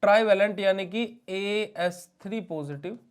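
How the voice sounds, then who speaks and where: A young man with a high voice teaches a pharmacy class. He keeps asking the students a question and then answering it himself, in an affectionate, coaxing teacher's manner. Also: a little slow, clear, resonant tone. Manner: asks questions and answers them himself, calls students "beta ji". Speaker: pharmacy lecturer. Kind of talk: classroom lecture.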